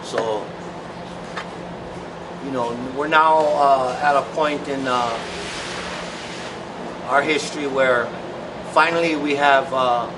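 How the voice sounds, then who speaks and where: A middle-aged songwriter and musician from Hawaii reflects during an interview in a mid-range voice, halting often with fillers as he thinks. The distant mic in the big open-sided outdoor shed captures clear background noise.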